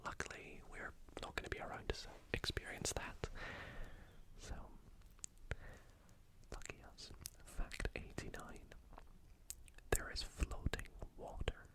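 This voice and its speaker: A woman whispering facts slowly for ASMR, breaking off into chatty asides about what she reads. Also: low-quality recording. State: sleepy, yawning. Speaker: ASMR creator. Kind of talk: whispered ASMR fact reading.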